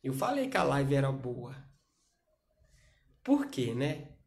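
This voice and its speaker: A man preaching to young people in a livestream sermon, urging with loud rhetorical questions and dropping to soft asides. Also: mid-range voice, big pitch swings, takes it slowly, creaky.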